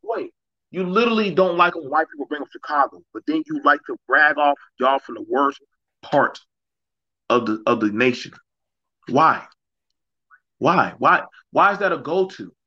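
A man talks bluntly and with energy on a casual podcast, his voice forceful and bright and pitched a little high. The mic sounds dry and dull, like a lo-fi call recording. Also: normal speed, pauses often, no echo. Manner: blunt and animated, drops into voices when quoting people.

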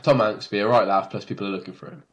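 A man in relaxed conversation, laughing easily and often trailing off mid-sentence. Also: lowish voice, very fast. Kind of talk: casual chat.

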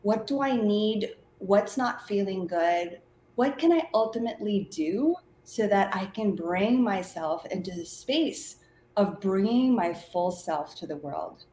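Female interview guest, a coach, very unhurried and reflective, roomy echo with faint noise. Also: mid-range voice, expressive, dark tone. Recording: echoey room with faint noise.

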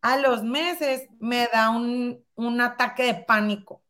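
A woman in her thirties telling a personal story as a guest in conversation, lively and acting out past dialogue. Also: fairly high pitch, takes it slowly. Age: 30s.

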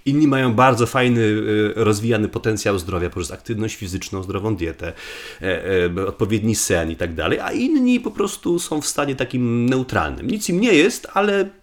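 A man's voice: medium pitch, very animated, moderate pace. A man from Poland explains things conversationally as a guest researcher, often repeating words and restarting as he thinks aloud.

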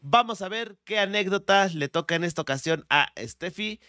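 Lively, bright-voiced Mexican man host. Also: high-pitched, moderate pace, dry recording, studio quality. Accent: Mexico State Mexican Spanish. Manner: chatty, playful, slangy. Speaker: podcast host. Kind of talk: casual chat.

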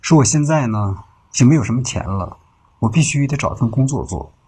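A man voicing a broke, downcast young man in a told story, speaking quietly and hesitantly. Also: medium pitch, animated, fairly quick, breathy edge. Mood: low-key.

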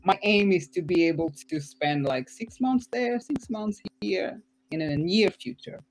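Slow-paced woman podcast host. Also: fairly low pitch, a little hiss or hum, low-quality recording. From Portugal. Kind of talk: casual interview.

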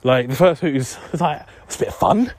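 A man's voice: a little high, animated, fast. Rambling young man walking outdoors. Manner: rambling, self-deprecating, easily distracted. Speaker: podcast host. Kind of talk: casual solo podcast monologue while walking. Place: outdoors on a street.

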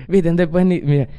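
A man's voice: fairly high pitch, dark tone. A young man co-hosting a podcast, telling a rambling story in casual chat, laughing often and acting out what others said. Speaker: podcast co-host.

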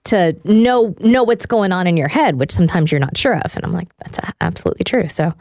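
A woman's voice: fairly low pitch, animated, fairly quick, a little mellow, no echo. A woman co-hosts a morning radio show and tells a story in a chatty, conversational way. Her voice is heard dry and close in the studio.

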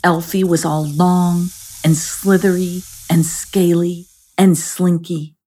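A woman narrating a children's storybook in a slow, gentle reading voice. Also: lowish voice, flat delivery.

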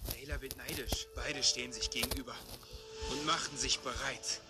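Deadpan man narrating a comedy skit. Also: mid-range voice, normal speed, loud music behind the voice.

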